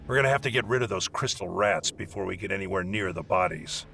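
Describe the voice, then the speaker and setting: Curt, scornful, forceful warrior commander. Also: male voice, deep voice, animated, fast talker, gravelly, full character voice. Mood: brusque, businesslike. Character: hostile, bossy male warrior leading a dangerous scouting mission. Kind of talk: video game dialogue acting.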